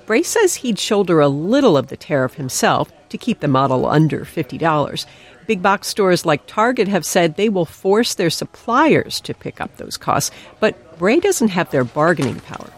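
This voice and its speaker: A woman narrates a scripted radio news feature. She has a low voice for a woman and reads as a reporter. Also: very animated, moderate pace.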